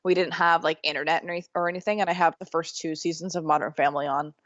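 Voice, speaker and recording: A woman chatting casually on a podcast, talkative and quick to laugh, often leaving sentences unfinished. Her voice sits a little low. The recording is dry and slightly muffled. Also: steady tone, a bit bright, dry recording. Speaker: podcast co-host. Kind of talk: casual chat.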